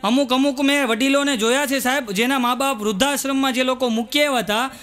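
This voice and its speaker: A man performing stand-up comedy, telling jokes and sometimes singing verses slowly. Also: very high-pitched, fairly even intonation, a bit bright. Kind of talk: live Gujarati comedy show with jokes and sung verses. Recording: live stage recording with audience and noise.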